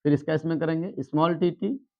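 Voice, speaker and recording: A male teacher talks students through a biology lesson at the board, step by step, often checking that they follow. His voice sits high for a man. The recording is dull and lo-fi. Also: brisk, gravelly, mellow. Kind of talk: blackboard lesson.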